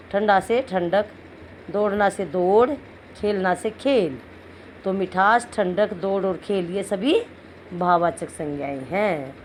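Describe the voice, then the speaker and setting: A woman teacher talks children through a lesson at a slow, explaining pace, stretching out syllables. Her voice sits at an ordinary middle pitch. The audio comes from a phone recording with a faint hiss behind it. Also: darkish tone.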